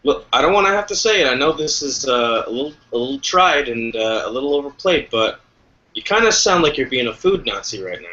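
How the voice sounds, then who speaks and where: A man's voice: medium pitch, sing-song, a little fast, pushed and bright, dull audio. A man playing a laid-back roommate in an improv comedy scene, easygoing and defensive, later boiling over. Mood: wry. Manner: easygoing, defensive, escalating to outburst. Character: laid-back roommate cooking late brunch.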